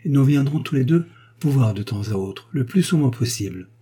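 A kindly, fatherly middle-aged lawyer speaks calmly and reassuringly, voiced by a man reading an audiobook. The voice is dark and mellow with a slightly husky grain. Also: medium pitch, fairly quick. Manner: calm and reassuring.

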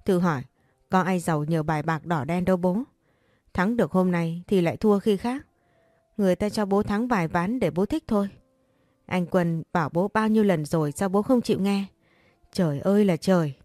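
A woman's voice: lowish voice, moderate pace, darkish tone, no echo, clean studio sound, close to an everyday voice. A woman voicing an exasperated young married daughter who sharply scolds her father.

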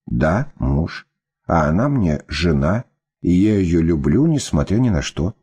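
A man's voice: deep voice, very animated, a little slow, warm tone, slightly rough, full character voice. A man doing a whiny, self-pitying ex-husband. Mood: pleading. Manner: pleading, whining.

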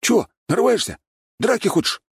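A man's voice: very high-pitched, sing-song, normal speed, husky, dry recording, pitched above the performer's own voice, heavily acted. A man voicing a cute young guy putting on slangy, mock-threatening street-tough talk.

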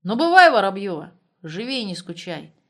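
A woman reading a story aloud, voicing a hoarse, scruffy middle-aged man who trades at a market, curt and mocking. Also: mid-range voice, sing-song, moderate pace, fairly bright tone. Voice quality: hoarse, gruff.

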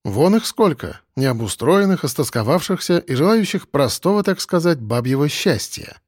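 A man's voice: on the high side, very animated, moderate pace, slightly rough, no room sound, studio quality. Wry male audiobook narrator. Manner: wry, conversational. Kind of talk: first-person audiobook narration.

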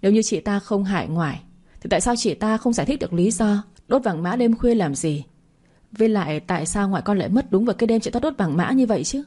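A woman voicing an angry young sister-in-law who makes fast, tearful accusations, in an audio story. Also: medium pitch, expressive, warm tone, lightly acted. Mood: accusing.

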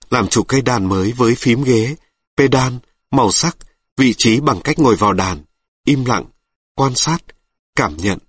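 A man reading reflective prose aloud in slow, measured scripted narration. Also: medium pitch, slightly rough, no echo. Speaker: reader of an audiobook.

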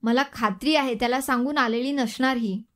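A woman's voice: fairly high pitch, steady tone, normal speed, fairly bright tone, natural voice. A woman voicing a middle-aged mother who scolds and questions her daughter. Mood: scolding.

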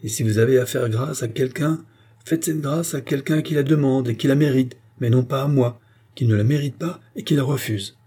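A man reading the part of a proud, doomed young noblewoman who speaks in a gentle yet firm, grave way. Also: medium pitch, normal speed, husky, voice pushed up, natural voice. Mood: defiant.

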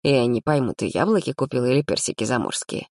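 Lady doing a teasing young man, low, quiet, lecturing, dry close mic. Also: lively intonation, quick pace, dry recording, heavily acted. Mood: bossy. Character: bossy, teasing young man running camp.

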